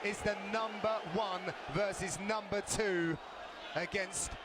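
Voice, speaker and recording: A man's voice: high voice, steady tone, takes it slowly. A man giving live play-by-play commentary on a fight as a broadcast commentator. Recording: very loud crowd and arena noise. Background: roaring arena crowd.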